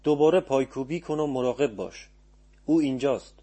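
An old male sorcerer, watchful and calm, gives hushed orders, voiced by a male narrator. The voice is mellow and slightly husky. It is quiet and firm, in an audiobook reading. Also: mid-range voice, natural voice. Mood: hushed urging.

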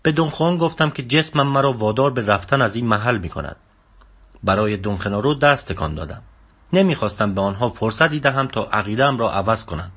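A man reading a first-person story aloud as an audiobook narrator, in calm, measured scripted narration. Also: medium pitch, breathy edge.

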